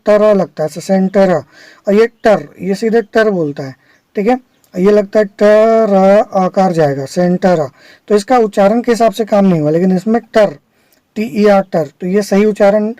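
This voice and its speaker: A man's voice: sits high, darkish tone, no room sound, rough recording. A man teaching an exam-prep vocabulary lesson, explaining step by step, repeating his examples and checking that his students understand. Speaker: English teacher.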